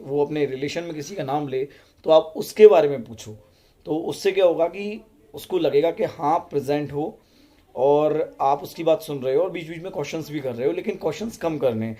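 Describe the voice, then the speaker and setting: A man giving communication tips to his video audience in a calm, unhurried, deliberate way. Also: on the high side. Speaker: YouTube self-help creator. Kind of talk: casual advice talk to camera.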